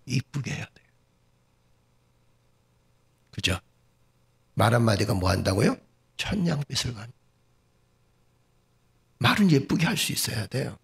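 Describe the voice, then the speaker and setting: Gravelly-voiced male pastor preaching. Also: fairly low pitch, fairly bright tone. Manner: asks the congregation questions, acts out quoted speech. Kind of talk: sermon.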